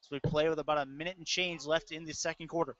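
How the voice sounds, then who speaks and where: A sports announcer calls live American football play-by-play, chatting conversationally between plays. His voice is on the high side, steady, fast and fairly bright, heard through a dull, lo-fi audio stream.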